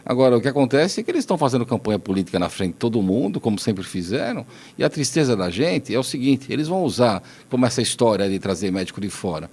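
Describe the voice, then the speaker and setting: A man's voice: medium pitch, big pitch swings, fast, hardly any pauses, a little mellow, husky. A Brazilian man, a doctor on a podcast panel, speaking indignantly with emphatic repetitions. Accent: Brazilian Portuguese. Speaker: doctor guest commentator. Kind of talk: opinionated podcast discussion.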